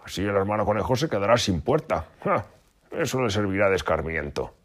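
Un hombre narrador que da voz a un zorro macho enfadado e irascible, con voz aguda y gritona. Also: male voice, sing-song, moderate pace, slightly rough, heavily acted. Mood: grumbling. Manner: shouting, high-pitched, irritable. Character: cranky angry male fox, hot-tempered.

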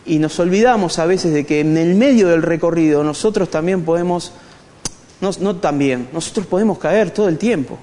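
A man's voice: fairly high pitch, moderate pace. Rioplatense man teaching in a reverberant hall. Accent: Rioplatense Spanish. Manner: animated, joking, addresses the audience directly. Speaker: Bible study teacher. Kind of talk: conversational church teaching.

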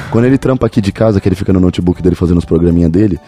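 A man with a Brazilian Portuguese accent tells stories at a rapid clip on a casual comedy podcast. His voice is very dark and a little husky, and he slips into quick voices for the people in his stories. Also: low voice, faint music behind. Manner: fast storytelling, acts out dialogue voices. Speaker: podcast co-host.

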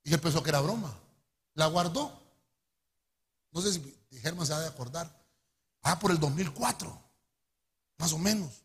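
A middle-aged man with a Honduran accent preaching a testimony sermon, telling his story in an animated way and calling his listeners brother. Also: on the high side, moderate pace, pauses often, breathy edge. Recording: echoey hall with long reverb.

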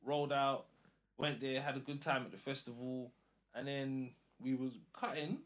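A man with a London roadman accent, casually telling an animated story in slang and acting out the dialogue. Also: mid-range voice, normal speed. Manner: slangy, acts out quoted dialogue.

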